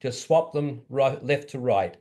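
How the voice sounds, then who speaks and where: Male advisor, medium-pitched voice, methodical and informal practical instruction. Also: expressive, measured pace, dark tone. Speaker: advisor giving technical tips. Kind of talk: casual technical instruction.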